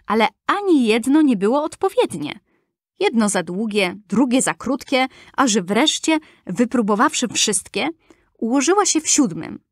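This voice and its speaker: A woman narrating a fairy tale for children in a gentle, measured, expressive reading. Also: on the high side, dry recording, studio quality. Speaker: storyteller.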